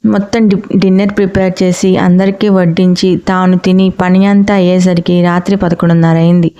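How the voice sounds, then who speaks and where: A woman's voice: on the low side, flat delivery, a little fast, dark tone, clear, resonant tone. A woman reading a family drama story aloud, speaking each character's lines in her own voice. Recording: muffled lo-fi recording.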